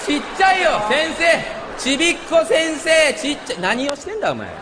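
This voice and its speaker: A man in his thirties working as the straight man of a comedy duo on stage, firing off sharp, blunt retorts. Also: extremely high pitch, very animated, crowd noise. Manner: rapid, sharp retorts ending in blunt jabs. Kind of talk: stand-up double act on stage. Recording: live stage with laughing audience and noise.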